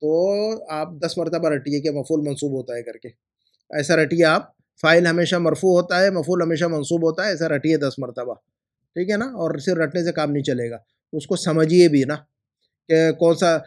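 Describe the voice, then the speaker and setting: A man teaches Arabic grammar, going through homework mistakes one by one. He repeats rules patiently and says example phrases slowly. His voice sits a little higher than usual. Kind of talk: correcting homework in a language lesson.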